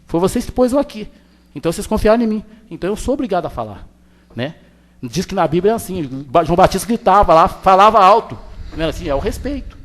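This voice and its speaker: A man's voice: sits high, lively intonation, fast talker, a bit bright. A man, a town councilman giving an indignant, emphatic floor speech in the council chamber. He repeats his points over and over.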